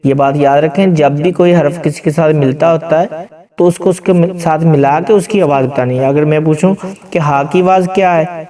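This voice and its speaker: The recording picks up a Quran reading teacher from far off, a man whose voice is higher and mellow. He spells out the recitation lesson syllable by syllable at a slow pace, occasionally launching into chanted recitation.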